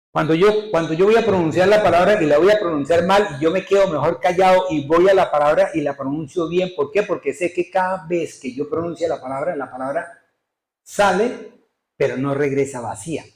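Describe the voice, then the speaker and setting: A man's voice: fairly high pitch, a little mellow, roomy sound, poor audio. A male pastor preaching a sermon emphatically, often putting rhetorical questions to his congregation. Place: church.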